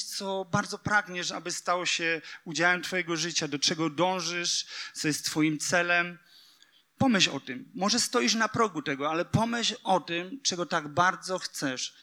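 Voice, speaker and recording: A man preaching to his congregation with a high, bright, edgy voice and a gravelly rasp. He reads scripture aloud and speaks to his listeners directly, breaking into emphatic outbursts. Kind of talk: sermon.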